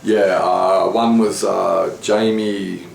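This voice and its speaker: Man, lowish voice, lively storyteller, echoey room with faint noise. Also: drawn-out words, gravelly. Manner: animated retelling, voicing others with rising pitch. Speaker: interviewee telling a story. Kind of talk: casual storytelling conversation.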